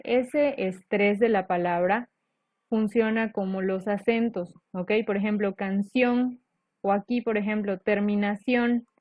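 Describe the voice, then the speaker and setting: A female teacher with a medium-pitched, darkish voice walks her students through grammar rules step by step, patiently checking in with them. The recording is dull, lo-fi and dry.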